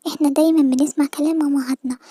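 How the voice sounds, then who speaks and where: A woman's voice: high voice, steady tone, rapid-fire, mellow, no echo, lightly acted. A woman voicing a well-meaning young animal friend with an Egyptian Arabic accent, earnest and a bit scolding.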